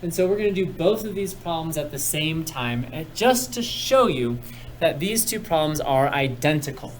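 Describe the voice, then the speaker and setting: A man's voice: on the high side, lively intonation, normal speed, a little hiss or hum, rough recording. A man teaching algebra in a classroom, patiently guiding students step by step and praising their work. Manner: patient, encouraging, guides step by step. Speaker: math teacher. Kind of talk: classroom instruction.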